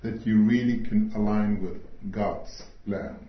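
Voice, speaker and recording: The recording, dull and roomy as if made in a hall, captures a middle-aged man preaching at a church meeting. Swiss, and not a native English speaker, he speaks in slow, careful English, earnest and full of filler-filled pauses, with a slightly low voice and fairly even intonation.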